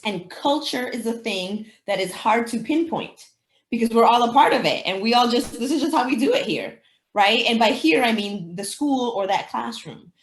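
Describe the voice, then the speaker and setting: With a fairly high, expressive voice at normal speed, a Dominican woman whose native language is Spanish answers interview questions as a teacher and anti-racism educator. She talks things through aloud and asks rhetorical questions, while the sound echoes around the room.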